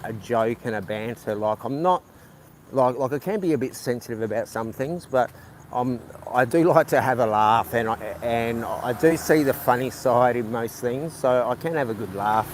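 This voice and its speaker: A man's voice: mid-range voice, slight background noise. Rambling man live-streaming at a night market. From New Zealand. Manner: rambling, halting, with many restarts. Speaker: livestreaming vlogger. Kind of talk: casual live-stream chat. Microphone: phone.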